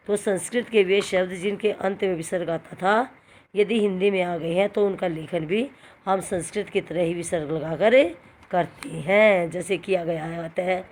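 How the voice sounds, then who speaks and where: A woman teaching a grammar lesson to children, patiently repeating each example word and asking questions that she answers herself. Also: lowish voice. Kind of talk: recorded grammar lesson for students. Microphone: phone screen recording.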